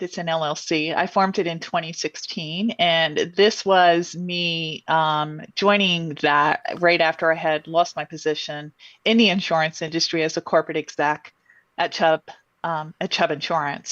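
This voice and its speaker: A woman guest answering interview questions about her career, pausing often with ums and restarting sentences. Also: sits low, a bit bright, no room sound, lo-fi sound. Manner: thoughtful, many ums and restarts. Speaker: guest, insurance executive.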